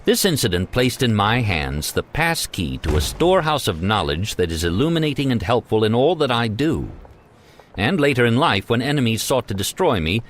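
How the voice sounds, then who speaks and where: Earnest man narrating with lively pitch. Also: a little hiss or hum. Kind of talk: audiobook narration of a self-help text.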